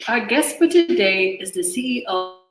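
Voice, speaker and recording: A woman's voice: mid-range voice, expressive, normal speed, echoey room, faint music behind, rough recording. A woman hosting an interview show who greets her guest and asks questions in a friendly way, with some fillers. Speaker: host.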